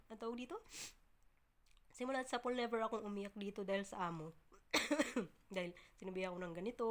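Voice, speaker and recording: A woman vlogging casually to her viewers, chatty and full of fillers and restarts, often laughing and breaking off to cough or clear her throat. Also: medium pitch. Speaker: vlogger, domestic worker abroad.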